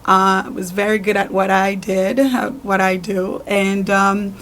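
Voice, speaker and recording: There's slight background noise as this woman, a Haitian stylist and boutique owner in her forties, shares her story in an interview. Her voice is medium-pitched and measured, and she brings the tale to life by acting out customers' remarks.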